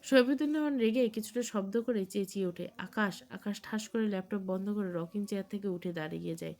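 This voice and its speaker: A woman narrates a romantic audiobook story. Her middle-pitched voice reads in a steady, even way. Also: quick pace.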